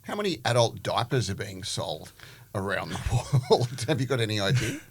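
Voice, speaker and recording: A man's voice: lowish voice, sing-song, normal speed, gravelly, husky. A man, asking questions as an interviewer in a conversational style.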